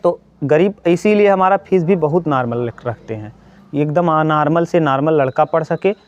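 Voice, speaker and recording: A man's voice: a little high, normal speed. Earnest male teacher lecturing students. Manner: earnest lecturing, repeats points, asks and answers his own questions. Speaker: coaching teacher. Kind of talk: motivational talk to students during a maths class. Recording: dry, dull lo-fi sound.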